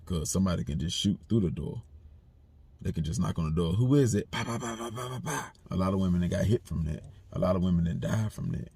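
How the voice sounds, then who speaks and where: A man's voice: sits low, lively intonation, fast, vocal fry, dark tone, husky, no room sound. A man giving a blunt, repetitive, streetwise commentary monologue. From United States. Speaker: commentary channel host.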